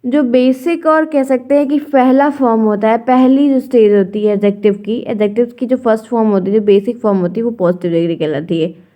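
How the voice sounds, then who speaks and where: A young woman gives an exam-prep grammar lesson, her voice a little high but mellow. She speaks slowly and patiently, her throat tired and strained from long days of talking. She keeps checking in with her viewers as she goes. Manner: slow, patient explaining with frequent check-ins. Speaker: teacher.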